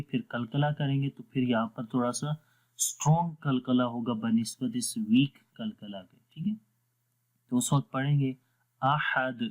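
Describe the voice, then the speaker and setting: A man teaching an online lesson on Quran recitation rules. He explains patiently, step by step, and slowly models recited words. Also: mid-range voice, a little mellow, low-quality recording.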